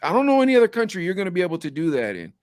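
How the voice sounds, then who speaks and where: A man's voice: high voice, wildly swooping pitch, rapid-fire, no echo, studio quality. A man hosting a podcast, chatting casually and eagerly pressing his guest with teasing questions. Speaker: podcast host.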